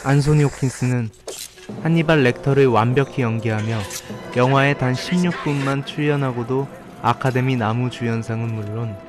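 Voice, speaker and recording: A man with a medium-pitched voice gives a scripted video narration. Faint music plays behind the voice-over. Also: steady tone, normal speed. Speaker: narrator of a film ranking video.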